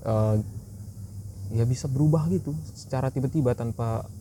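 A man's voice: mid-range voice, normal speed, dark tone. A man telling his own story in a casual, candid podcast chat. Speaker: guest. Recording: noisy background.

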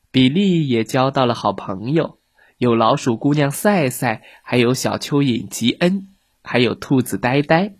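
A narrator telling a children's story in a lively, expressive way. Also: mid-range voice, dry recording, clean studio sound.

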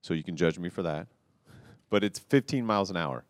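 A man on a casual talk show, telling a rambling story with restarts and loud quoted outbursts. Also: sits low, fairly quick, no room sound, studio quality. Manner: animated, rambling, restarts, quotes people loudly. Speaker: podcast co-host telling a cycling story.

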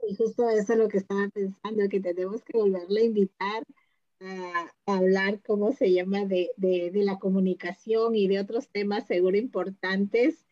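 A woman hosts a podcast in a relaxed, chatty way and greets the listeners by name. Her voice sits at a middle pitch. The recording sounds dull and lo-fi. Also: normal speed. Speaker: podcast host. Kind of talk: podcast interview hosting.

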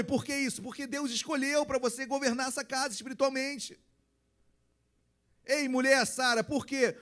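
A man's voice: very high voice, fairly bright tone. A man, a pastor preaching a sermon, emphatic and full of rhetorical questions to his congregation.

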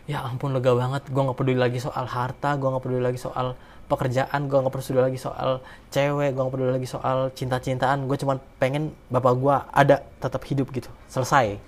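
A man's voice: mid-range voice, completely flat delivery, brisk, slight background noise. A man tells a personal story in casual, slangy speech, emotional and rambling with many restarts.

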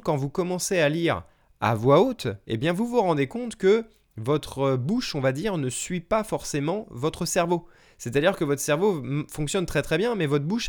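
A French man hosting a language-learning podcast, talking listeners through practice advice in a friendly, explanatory way with frequent fillers and self-corrections. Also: a little high. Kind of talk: solo podcast advice talk. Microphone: podcast microphone.

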